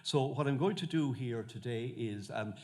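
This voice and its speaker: A man with a West of Ireland accent giving an informal history lecture, pausing often with ums and uhs. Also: mid-range voice, dark tone. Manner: halting, frequent um and uh pauses. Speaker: guest lecturer, Benedictine monk.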